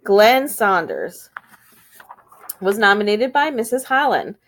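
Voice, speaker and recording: A woman's voice: mid-range voice, very animated, slow pace. A woman reading school morning announcements in an upbeat, sing-song way.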